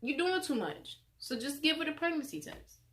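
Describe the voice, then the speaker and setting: A woman's voice: high-pitched, moderate pace. A young adult woman vlogging, telling a personal story in a casual, chatty way with lots of "like" and restarts. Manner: animated retelling full of "like" and acted-out quotes.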